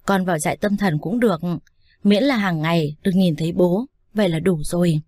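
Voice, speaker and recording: Cheeky young wife read by a woman, mocking but calm, low-ish, dry sound. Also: fairly quick, no room sound. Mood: sweet. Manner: calm, teasing, lightly mocking. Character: defiant young daughter-in-law, cheeky and unafraid.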